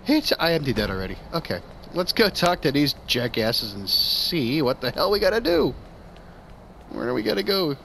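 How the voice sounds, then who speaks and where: Lively, joking man commentating a game. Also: medium pitch, normal speed, gravelly, slight background noise. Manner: joking and sarcastic, swears casually. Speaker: let's play host. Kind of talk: casual gameplay commentary.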